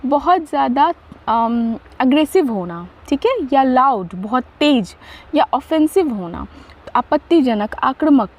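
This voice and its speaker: Slow, high-voiced woman teaching vocabulary. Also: sing-song, darkish tone. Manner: slow and explanatory, spells words out letter by letter; asks and answers her own questions. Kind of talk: vocabulary lesson.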